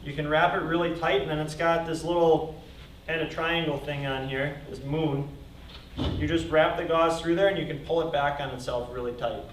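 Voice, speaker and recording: A firefighter teaching a first-aid class explains things informally while demonstrating hands-on. His voice is on the high side, steady in tone, at a moderate pace. The room is echoey, the mic is distant, and there's faint noise.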